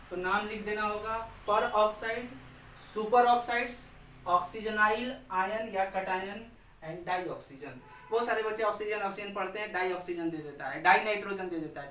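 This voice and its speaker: Lecturing a chemistry class, a man with a high-pitched, bright, forceful voice quizzes students and then supplies the answers himself, repeating key terms in a chant-like rhythm. The room echoes, the mic sits far away, and there is a faint hiss.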